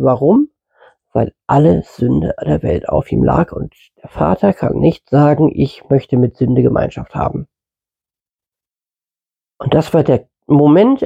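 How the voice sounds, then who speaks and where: Mellow, husky man teaching scripture. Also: on the high side, animated, normal speed, dull audio. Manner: conversational, uses fillers, corrects himself mid-sentence. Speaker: preacher. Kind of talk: informal Bible teaching.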